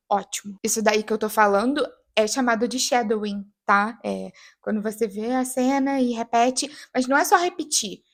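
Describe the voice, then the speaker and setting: A young Brazilian woman, an English teacher, chatting casually and playfully about how she learned English. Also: sits high. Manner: chatty and playful, acts out English lines loudly. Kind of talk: casual vlog monologue.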